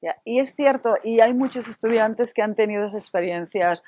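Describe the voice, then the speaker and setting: Leading an interactive workshop, a university Spanish instructor from Spain speaks with a Spanish accent, playfully and with plenty of life, eliciting answers from those present. Her voice is on the high side and a little fast, with a little hiss or hum in the recording.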